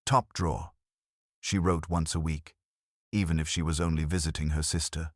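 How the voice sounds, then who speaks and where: A man voicing a bewildered, grieving middle-aged village butcher in an audiobook, murmuring haltingly. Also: rumbling low, steady tone, no echo, studio quality.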